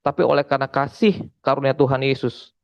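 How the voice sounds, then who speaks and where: Man, preacher, gravelly voice, dry muffled sound, conversational testimony. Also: medium pitch, fairly even intonation, brisk, no room sound. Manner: conversational, addresses listeners as saudara, emphatic repetition. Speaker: evangelist preacher. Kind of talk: sermon testimony.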